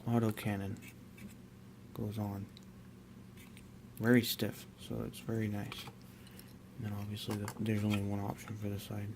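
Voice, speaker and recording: A young man casually talking through his hobby work, rambling and relaxed with many fillers and restarts. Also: fairly low pitch, moderate pace, pauses often, background noise. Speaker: miniature painter.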